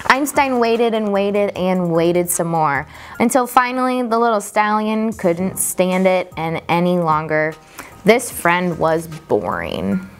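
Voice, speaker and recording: In a mid-range voice, a woman tells a children's picture book as a storyteller would, reading it aloud expressively and deliberately. She stretches out key words to emphasize them.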